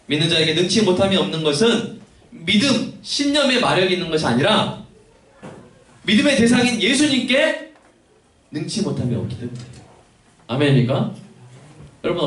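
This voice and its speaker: Animated man preaching in an echoey church. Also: high-pitched. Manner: animated, acts out dialogue. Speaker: pastor. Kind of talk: sermon. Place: church sanctuary. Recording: echoey church hall, mic at a distance, faint noise.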